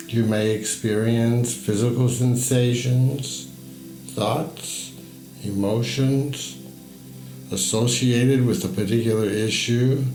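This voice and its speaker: This guided meditation narrator is a man with a dark-toned, mid-range voice, telling a meditative story against music. He moves slowly and with measure, pausing deliberately between phrases, and the recording sounds echoey.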